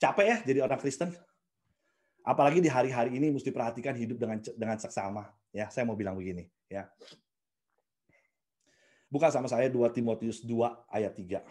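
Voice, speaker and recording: A man's voice: medium pitch, a little fast, long pauses, a little mellow. A man with an Indonesian accent preaching casually in a video church service, mixing in English phrases and acting out prayers. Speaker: pastor. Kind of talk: sermon over video call.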